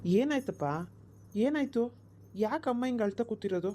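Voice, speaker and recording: A woman voicing a grown village son in a cartoon, calmly reassuring his worried mother. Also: on the high side, normal speed, a little hiss or hum, pitched above the performer's own voice, natural voice. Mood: concerned. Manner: reassuring, explanatory. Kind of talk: cartoon voice acting.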